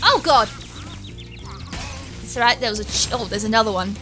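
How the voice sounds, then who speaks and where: A woman with an Australian accent giving chatty, excitable let's-play commentary and poking fun at herself. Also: fairly high pitch, moderate pace, over music. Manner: excitable, chatty, self-mocking. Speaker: gamer.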